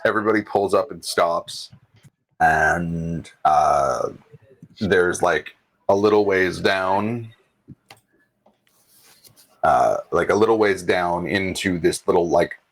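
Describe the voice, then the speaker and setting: A man narrating as game master of a tabletop game, relaxed and searching for words with many fillers. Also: sits low, poor audio.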